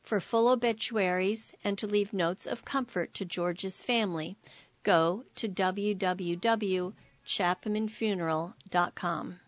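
A woman reads printed notices aloud at a slow, measured obituary pace. Her delivery is careful and orderly, with a mid-range pitch, and the sound is close and dry. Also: no room sound. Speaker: volunteer-style newspaper reader for a reading service for the blind. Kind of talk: read-aloud newspaper narration.

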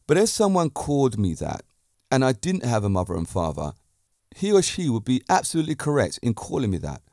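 A British podcast host delivers a self-assured motivational monologue, packed with emphatic points and rhetorical questions. His mid-range voice is darkish, brisk, and very animated, captured in dry, studio-quality sound.

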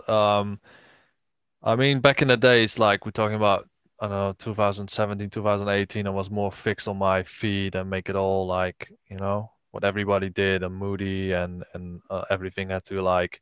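Man, lowish smooth voice, halting hesitant delivery, casual podcast guest. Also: little pitch movement, fairly bright tone, no room sound, dull audio. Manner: halting speech with many hesitations. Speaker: podcast guest, travelling videographer and drone photographer. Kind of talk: casual interview talk.

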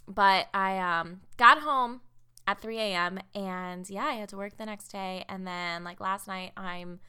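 A woman's voice: mid-range voice, unhurried, sharp tone, smooth. A young woman in her twenties hosting a solo podcast, telling rambling stories in a chatty, giggly way. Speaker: podcast host. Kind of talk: casual solo chat.

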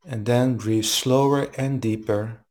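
Male meditation teacher, calm and soothing, very unhurried delivery, leaves space between short instructions. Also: medium pitch. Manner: slow, calm, soothing, with long pauses. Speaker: meditation teacher leading a live online session.

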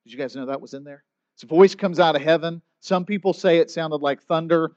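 Male pastor, conversational sermon, slightly high voice, muffled dry recording. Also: a little fast, a little mellow, no echo. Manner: conversational preaching, acts out quoted voices.

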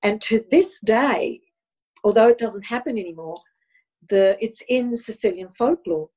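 Speaking unhurriedly in a slightly high, somewhat mellow voice with breathiness, a woman from Australia, described as Italian, recounts a personal story as a guest. She's earnest and reflective, repeating words often, in casual storytelling on a rough recording.

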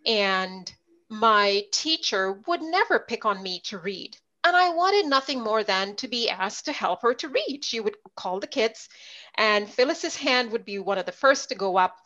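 A middle-aged woman from Jamaica, a leadership coach, telling her story in an interview with lively storytelling. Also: on the high side, measured pace. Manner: animated storyteller, voices others in quotes. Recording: dull lo-fi audio.

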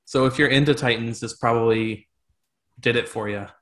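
A man hosting a casual podcast chat, relaxed and trailing off into mumbled asides. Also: medium pitch, normal speed, noisy background. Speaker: podcast host.

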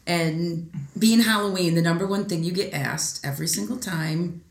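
Chatty woman guest in her thirties, lower voice. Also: moderate pace, vocal fry, roomy sound. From Michigan, USA. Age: 30s. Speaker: guest, ghost hunter and librarian. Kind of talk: casual podcast chat.

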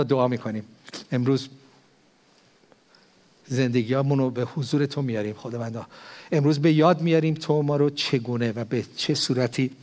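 An older man, a pastor, preaching a sermon. He swells with force on key phrases and sinks into hushed prayer. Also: medium pitch.

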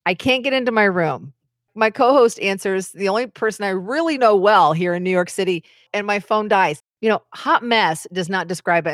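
Chatty woman podcaster, low dry voice. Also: dry recording. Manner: chatty, candid and self-deprecating. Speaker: podcast host. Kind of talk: casual storytelling monologue.

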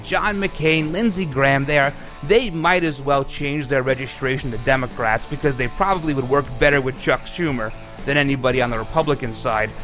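A man's voice: a little high, pushed and bright. A man hosting a talk show with blunt, emphatic, conversational political commentary. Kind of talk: casual opinionated political commentary.

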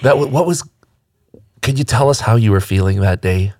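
A man's voice: lowish voice, animated, a little fast, a little mellow, no echo, clean studio sound. A man hosting an interview, chatty and encouraging, dropping frequent short affirmations as his guest speaks. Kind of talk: conversational interview.

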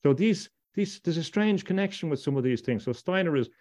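A man's voice: fairly high pitch, animated, a little fast, a little mellow. A middle-aged man from Ireland, a podcast guest, talking at length in a discursive way, often repeating words and restarting his sentences. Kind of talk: discursive interview talk.

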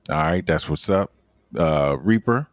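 A man's voice: extremely low pitch, a little slow, no room sound, studio quality. A man hosting a casual podcast discussion, calling on each panelist in turn and laughing easily. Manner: laughs easily, steady moderating. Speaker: podcast host.

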